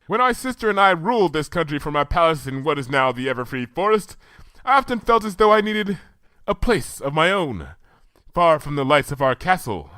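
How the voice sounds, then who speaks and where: A man puts on a loud, regal pony princess from a storybook, lifting his voice high and bright. She declares everything in grand archaic phrasing, with little patience. The sound is close and dry. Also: sing-song, brisk, no echo. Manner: archaic, booming proclamations.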